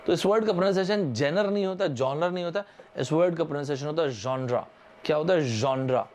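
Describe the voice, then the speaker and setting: A man's voice: on the high side, rapid-fire, darkish tone. A young man from India teaching vocabulary in a live online exam-prep lesson, chatty and informal, spelling words out letter by letter and asking viewers to answer in the comments.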